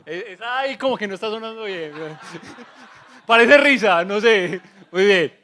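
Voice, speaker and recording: A man's voice: expressive, bright, forceful tone. A man from Colombia leading a playful call-and-response game with an audience in a large auditorium. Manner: playful, drawn-out calls with pitch swings. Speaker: activity leader at a conference.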